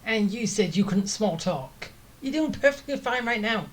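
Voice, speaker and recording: A woman game streamer with a medium-pitched, expressive voice at a moderate pace offers casual, informal playthrough commentary, reacting and musing as she goes. Game music plays underneath, with a little hiss or hum.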